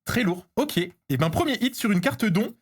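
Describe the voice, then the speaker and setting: A man streaming live as he opens trading cards, chatting casually, getting excited and answering his chat. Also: high-pitched, moderate pace.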